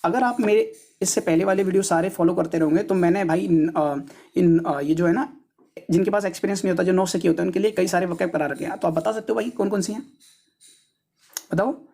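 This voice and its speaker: Husky, low-toned woman teaching spelling. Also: fairly quick, mellow. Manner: casual, keeps calling viewers brother, repeats words and spells them out letter by letter. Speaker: exam-prep teacher. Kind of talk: solving an English test paper aloud.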